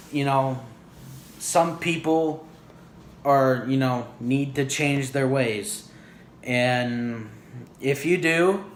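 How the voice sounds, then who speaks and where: A man talks to his viewers in a loose, wandering way, leaning on "you know" and "like" between thoughts. His voice sits a little higher than most men's and moves at an unhurried, drawn-out pace. The room gives it a noticeable echo. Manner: rambling, frequent "you know" and "like". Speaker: vlogger. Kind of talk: casual monologue to camera.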